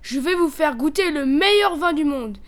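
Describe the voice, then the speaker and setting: A woman's voice: high voice, expressive, moderate pace. A woman voicing a scheming peasant man in a storybook reading, speaking with a falsely sweet, honeyed tone.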